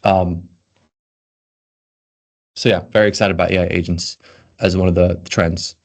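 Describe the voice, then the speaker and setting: Speaking low and flat at a measured pace, this Belgian guest with an American accent makes tech content and chats on a relaxed podcast. He's loose and eager, leaning heavily on the filler "like."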